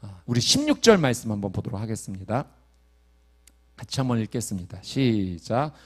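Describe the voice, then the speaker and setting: A man preaching a sermon as pastor, moving between quiet storytelling and loud, fervent preaching. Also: on the low side, very animated, fairly quick.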